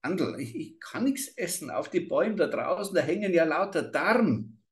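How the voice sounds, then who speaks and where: A small, timid peasant girl lost in a dark forest, her voice lifted high and thin, as a man reading a fairy tale puts her on. She pleads anxiously in a trembling tone. It has the feel of a storybook reading. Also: expressive, normal speed, natural voice. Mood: frightened pleading.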